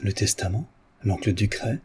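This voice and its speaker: Brief: male reader as a faltering young woman, quiet, husky, storybook reading. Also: lowish voice, moderate pace. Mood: hesitant. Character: young woman, pale and trembling, hesitant.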